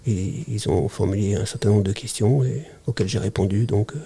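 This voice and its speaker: A man speaking as a podcast guest in a casual interview, hesitant and halting, with many fillers and restarts. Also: lowish voice, creaky, dark tone, husky. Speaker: podcast guest, teacher-researcher.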